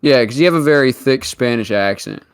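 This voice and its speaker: A male streamer joins a casual podcast and talks at an ordinary pitch. He teases his co-host constantly and keeps the tone jokey, often bursting into laughter. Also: lively intonation, fairly quick, clear, resonant tone. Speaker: guest streamer. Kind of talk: casual chat.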